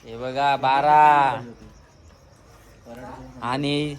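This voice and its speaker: His voice is medium-pitched and steady, and he speaks extremely slowly. This vlogger films a family trip outdoors at night, casually narrating handheld and constantly pointing things out to viewers, while music and crowd chatter fill the background.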